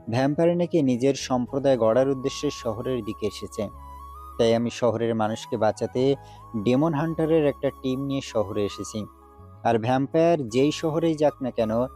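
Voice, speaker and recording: A voice actor performs a resolute, duty-bound demon hunter in a Bengali audio drama, speaking earnestly and solemnly. His mid-range voice is mellow and only lightly acted. Faint music plays in the background.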